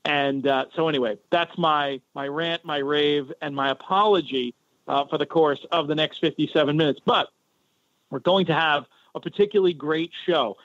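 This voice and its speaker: A chatty man hosts a podcast, talking in a loose, rambling way. His voice sits a little high and comes through a cell phone held to his head, so it sounds tinny and dull. The sound is dry, with no room echo. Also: normal speed, a bit bright. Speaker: podcast host. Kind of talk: casual podcast talk. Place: home in a city neighborhood.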